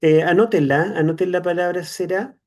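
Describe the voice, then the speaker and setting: A Chilean man teaching a theology class, explaining slowly with many "eh" fillers and tag questions. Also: high voice, darkish tone. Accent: Chilean Spanish. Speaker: seminary teacher. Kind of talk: online theology lecture.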